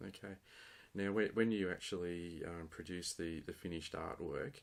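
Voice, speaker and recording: A man hosts a relaxed local interview. His voice is very low and his questions come with plenty of uhs and repeated words. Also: normal speed, gravelly. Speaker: podcast host, interviewer. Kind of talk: casual interview.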